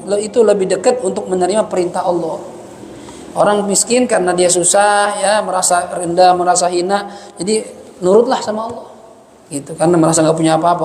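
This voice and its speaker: Male religious teacher, high voice, jokey mosque lecture, echoey hall. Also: darkish tone. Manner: joking, chatty, reads Arabic then explains it.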